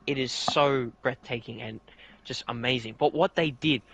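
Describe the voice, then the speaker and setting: A podcast host tells a rambling, profanity-heavy story in casual chat, at a moderate pace with vocal fry. He restarts sentences constantly and, when outraged, his excitable voice jumps much higher in pitch. The recording is rough.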